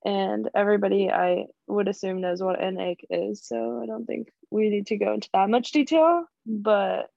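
A woman's voice: mid-range voice, vocal fry, warm tone, dry recording. A young woman co-hosting a casual chat podcast, giggly and chatty, often drawing her words out. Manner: giggly, chatty, drawn-out phrasing. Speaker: podcast co-host. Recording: dry, dull lo-fi sound.

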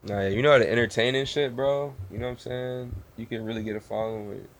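Quick-talking young American bro. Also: male voice, mid-range voice, steady tone, a little hiss or hum. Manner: slangy, profane, loose bro-style talk. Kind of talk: casual chat.

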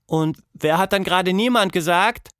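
A man voicing a curious, lively young girl in a children's audio story, talking in an eager, wondering way. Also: high-pitched, normal speed, smooth, no echo, clean studio sound, voice pushed up.

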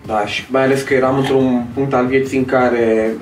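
A man telling a story in a casual podcast chat, in a lively, dramatic way. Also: medium pitch. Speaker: podcast guest. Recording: roomy echo, distant mic, faint music.

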